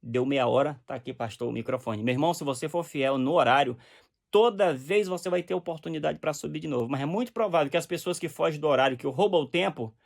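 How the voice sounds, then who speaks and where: A man's voice: on the high side, quick pace, vocal fry. A man preaching in a direct, exhorting teaching style, often checking that the listener understands. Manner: direct, exhorting, often asks "você tá entendendo?".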